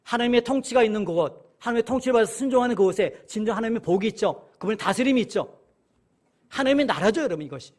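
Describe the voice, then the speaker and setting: Guy with a fairly high voice preaching a bible lesson, keeps asking the room questions then answering, reads scripture slow and loud. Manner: addresses listeners often, asks and answers questions; reads scripture slowly and louder. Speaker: Bible teacher. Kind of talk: Bible study sermon.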